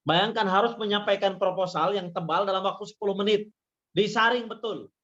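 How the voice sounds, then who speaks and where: A man's voice: high voice, fairly quick, fairly bright tone. A man who is a university lecturer, giving a webinar talk through slides, who repeats his phrases and leans on fillers like "ya" and "nah". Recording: dull lo-fi webinar audio.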